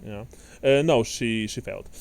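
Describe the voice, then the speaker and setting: A man's voice: lowish voice, moderate pace, vocal fry, a little mellow, a little hiss or hum. A man narrating as game master of a tabletop game, rambling with many fillers and restarts.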